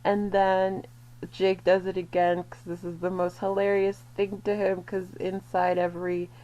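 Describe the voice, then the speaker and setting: In a casual commentary vlog, a female video creator talks to camera in an unhurried, mellow, medium-pitched voice with little pitch movement. Her talk wanders, full of fillers and self-corrections, and the sound is lo-fi.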